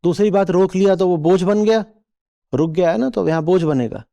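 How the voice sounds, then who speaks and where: A man's voice: high voice, normal speed, vocal fry, mellow, dull audio. A man teaching a live audience in a spiritual discourse, asking rhetorical questions and checking that listeners follow. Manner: acts out little quoted voices.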